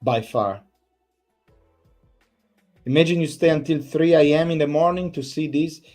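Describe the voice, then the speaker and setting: A man's voice: a little high, moderate pace, a little mellow, soft background music. Exasperated man ranting. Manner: exasperated, repetitive, swearing. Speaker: fan channel host. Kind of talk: angry post-match reaction rant.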